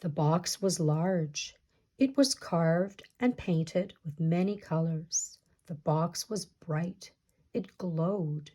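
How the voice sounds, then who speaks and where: Slow, darker-voiced woman reading a folktale. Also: on the low side, dark tone. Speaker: storyteller. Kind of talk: reading a picture-book folktale aloud.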